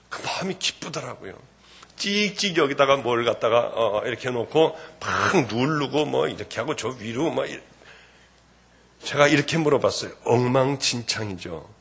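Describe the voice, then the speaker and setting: A middle-aged man giving an emotional spoken testimony in church, fervent and swinging between hushed and loud. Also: medium pitch, husky.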